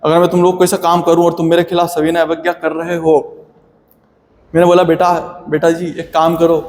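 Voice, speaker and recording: A man's voice: on the high side, completely flat delivery, fairly quick, darkish tone, in a large hall. A man teaching a history lesson in a chatty, friendly way, calling his students "beta". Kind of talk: classroom history lecture.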